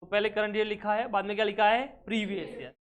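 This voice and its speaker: A man's voice: high-pitched, fairly even intonation, quick pace. Guy teaching accounts, keeps going "what do we call this?", mixes in english words. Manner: keeps asking the class rhetorical check questions; mixes English terms into his explanation. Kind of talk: recorded exam-prep lecture.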